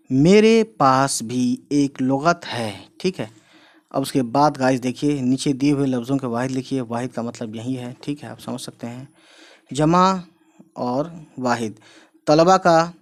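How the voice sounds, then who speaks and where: A man teaching a class, going through words one by one and often checking with "theek hai" as he explains. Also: medium pitch. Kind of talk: casual classroom lesson.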